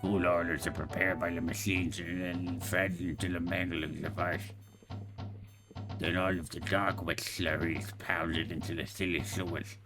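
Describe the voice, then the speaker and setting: A man's voice: low voice, level tone, moderate pace, music in the background, rough recording. A man voicing a callous, businesslike game supervisor who gives matter-of-fact instructions about grisly work. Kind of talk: reading game dialogue aloud.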